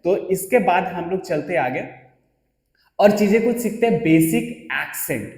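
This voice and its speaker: A man teaching a French class, drilling the alphabet slowly for students to repeat. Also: high-pitched, lively intonation, a little mellow. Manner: drills letters aloud, slow call-and-repeat recitation. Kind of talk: classroom lesson. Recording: echoey, reverberant classroom.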